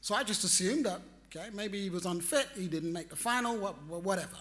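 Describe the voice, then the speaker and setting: A man telling a personal story in a reflective, animated way, acting out his own reactions. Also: sits high, fast talker. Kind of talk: storytelling talk.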